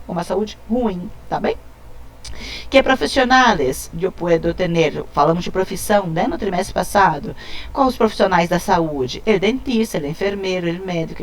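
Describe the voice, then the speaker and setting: A Brazilian woman teaching a recorded Spanish lesson to schoolchildren, moving between Spanish and Portuguese, drawing out vocabulary words and often checking in with the class. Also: medium pitch.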